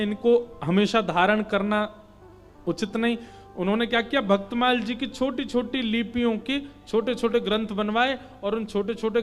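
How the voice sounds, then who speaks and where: A man's voice: high-pitched, a bit bright. A man giving a devotional sermon as a preacher, emphatic and rising into fervent appeals. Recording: faint instrumental music behind.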